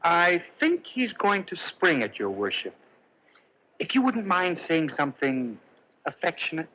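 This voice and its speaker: A meek, gentle tailor with a highish, lilting voice that swoops about as he coaxes and soothes. It comes from a dull, hissy old film soundtrack in 1950s movie style. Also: sing-song, measured pace. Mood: coaxing. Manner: soft, coaxing and cajoling, talks baby-talk to the lion.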